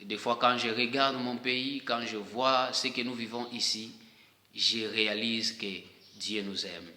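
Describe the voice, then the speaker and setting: A man from DR Congo with a Congolese French accent, preaching a sermon to online viewers. He speaks emphatically, repeats key phrases and pauses often. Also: medium pitch, fairly even intonation, sharp tone. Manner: emphatic and repetitive, with hesitant pauses. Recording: echoey room with long reverb.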